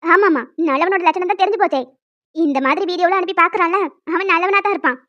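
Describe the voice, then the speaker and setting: Very high voice, fast talk, stern scolding lady professor, played by a woman, dull lo-fi sound. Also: fairly bright tone. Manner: scolding, lecturing. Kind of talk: dubbed animated story.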